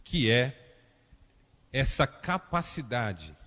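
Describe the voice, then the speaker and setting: Dramatic pastor preaching in a hall. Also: male voice, big pitch swings, very slow. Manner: dramatic, acts out quoted voices with big swings of pitch and loudness. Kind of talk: sermon.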